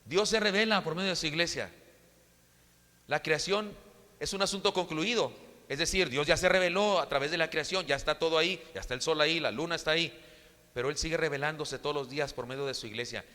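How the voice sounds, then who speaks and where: A man preaching a sermon, his voice bright and forceful at the peaks. He moves between loud emphasis and hushed storytelling. A long church reverb trails every phrase. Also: fairly high pitch, quick pace. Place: church sanctuary.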